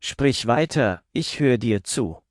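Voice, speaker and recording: A man slowly repeating short German phrases several times over, as a language drill. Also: medium pitch, expressive, no echo, studio quality. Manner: slow, clearly spaced repetition of each phrase.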